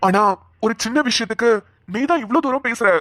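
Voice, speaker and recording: A woman voicing a young husband in a cartoon, coaxing and calming his upset wife. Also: fairly high pitch, a little fast, dry recording, studio quality, natural voice. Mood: reasoning. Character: young husband, patient and soothing. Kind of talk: Tamil cartoon drama voice acting.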